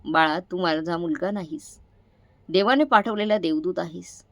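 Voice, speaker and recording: A woman voicing a poor, elderly mother who pleads gently and softly in a story. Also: fairly low pitch, unhurried, no room sound. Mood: pleading. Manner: soft, pleading.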